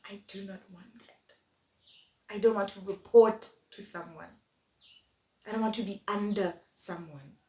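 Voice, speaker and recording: A woman's voice: mid-range voice, a little slow, long pauses, darkish tone. A young woman giving a motivational monologue, talking emphatically and repeating her key phrases. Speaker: vlogger. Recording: echoey room, distant mic, faint noise.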